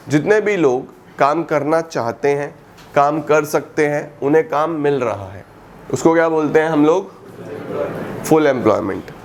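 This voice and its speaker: Teaching economics in a recorded classroom lecture, a man with a fairly high pitch mixes Hindi and English terms. He throws questions at his students, answers them himself, lingers slowly on key words and calls everyone "beta".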